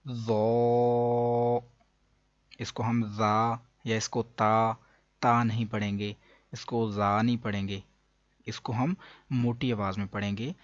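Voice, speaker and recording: A man teaching a Quran reading lesson. He explains each rule, then slowly drawls out the letter sounds for the listener. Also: fairly low pitch, flat delivery, no echo. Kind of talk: step-by-step recitation lesson. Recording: dull dry lo-fi recording.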